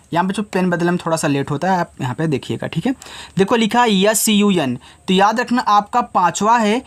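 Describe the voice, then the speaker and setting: A man with a Hindi accent leads a children's English phonics lesson. He spells words out letter by letter at a slow, careful pace. He asks a question and then answers it himself, again and again. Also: sits high.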